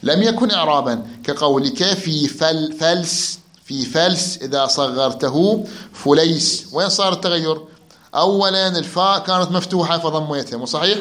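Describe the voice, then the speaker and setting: A man's voice: fairly high pitch, normal speed, a bit bright. A man teaching grammar, quizzing his students and repeating their answers. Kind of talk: classroom lecture. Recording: echoey room.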